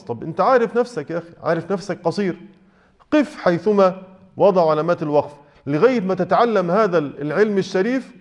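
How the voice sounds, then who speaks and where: A man with an Egyptian Arabic accent teaching Quran recitation rules in a mosque class, explaining in a conversational way and often checking that students follow. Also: high voice. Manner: conversational, checks understanding with rhetorical questions.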